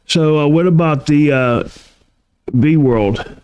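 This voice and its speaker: A man's voice: a little high, takes it slowly, darkish tone, clean tone, dry recording, highs cut off. Man, sleepy and yawning, podcast co-host, casual chat, repeats himself, dry close sound.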